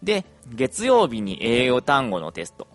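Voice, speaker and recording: A man's voice: medium pitch, measured pace, soft background music. A young adult man chatting through a casual podcast monologue, with plenty of fillers. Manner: chatty, lively intonation, many fillers.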